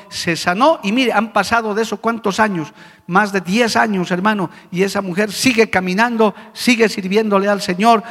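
A man's voice: sits high, a bit bright, in a large hall. A man preaching as pastor, earnestly addressing the congregation as brothers. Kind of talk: sermon.

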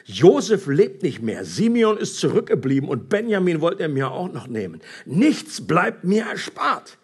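A man reading the lines of a bitter, grieving old father in a low, heavy voice. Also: normal speed, a little mellow, husky, lightly acted. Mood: despairing.

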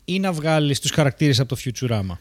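A man's voice: mid-range voice, dry recording, clean studio sound. A man co-hosting a podcast, chatting casually and playfully. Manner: animated, playful, drops English phrases. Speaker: podcast co-host. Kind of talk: casual chat.

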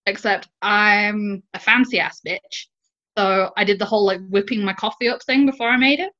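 A woman's voice: mid-range voice, normal speed, sharp tone. A woman co-hosting a podcast over a video call, joking about herself and laughing often. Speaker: podcast co-host. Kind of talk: casual chat. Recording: dull lo-fi call audio.

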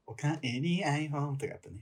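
A man's voice: a little high, expressive, quick pace. A man co-hosting a casual chat show, wry and teasing, often laughing. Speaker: podcast co-host.

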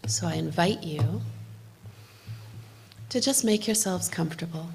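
A woman leading a guided meditation like a sleep story narrator, speaking gently in short, unhurried phrases with long pauses. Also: fairly low pitch, lively intonation, creaky, slight background noise.

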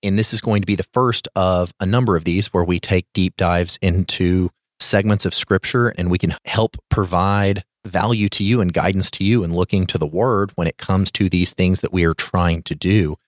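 Deep-voiced male podcast host, dry sound. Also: no echo. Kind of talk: conversational podcast hosting.

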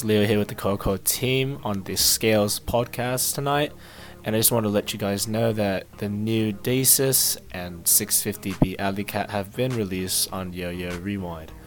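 A man hosting a podcast, giving a relaxed, slightly hesitant sponsor read. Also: on the low side. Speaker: podcast host reading a sponsor spot. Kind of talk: casual ad read.

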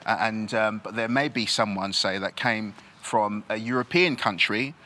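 Bright-voiced man, thoughtful and halting. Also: lowish voice. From born in Nigeria, grew up in this country. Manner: thoughtful, halting with many restarts and fillers. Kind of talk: reflective panel discussion.

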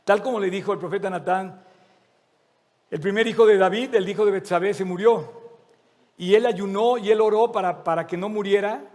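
A man's voice: high voice, normal speed, a little mellow. A man preaching a sermon. He speaks in an earnest, emphatic way and repeats his key phrases. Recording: long reverb of a large hall.

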